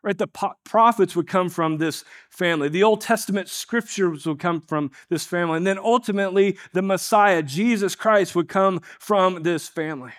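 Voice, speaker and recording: A man's voice: high-pitched, moderate pace, hardly any pauses. A man preaching a sermon, reading scripture aloud and breaking off into casual asides and rhetorical questions. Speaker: pastor.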